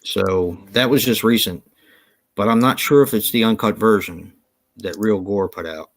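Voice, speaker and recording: This co-host speaks from home at a fairly low pitch and moderate pace in casual live-stream chat. His talk is loose and rambling, full of fillers and quick, easy laughter.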